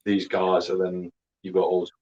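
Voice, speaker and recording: A man's voice: deep voice, monotone, normal speed, a little mellow, muffled recording. A man with a Northern English accent co-hosting a casual podcast, making dry, blunt quips. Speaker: podcast co-host. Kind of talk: casual chat.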